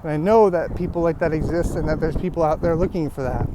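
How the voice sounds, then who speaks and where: A man speaking earnestly and encouragingly in a halting, motivational walk-and-talk vlog, recorded outdoors. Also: on the high side, warm tone, a little hiss or hum, rough recording. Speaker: vlogger. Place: outdoors, walking in rainy weather.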